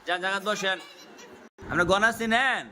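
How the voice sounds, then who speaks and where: An adult gently questions, teases and soothes a crying child in casual chat. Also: mid-range voice, moderate pace, some chatter behind, slight background noise.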